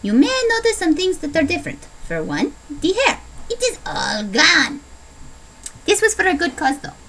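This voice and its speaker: A young adult woman vlogs in a put-on Italian accent, rambling playfully and self-deprecatingly in a casual video diary. Her very high voice swings hugely in pitch, a bit bright, at a moderate pace. The low-quality recording has a little hiss or hum.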